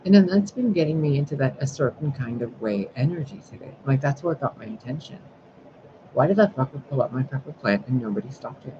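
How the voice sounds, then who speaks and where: This spiritual sign reader has a warm, slightly high voice as he rambles to camera in a laid-back vlog. He vents about his day and curses freely, captured on a dull lo-fi recording where background noise is clearly audible.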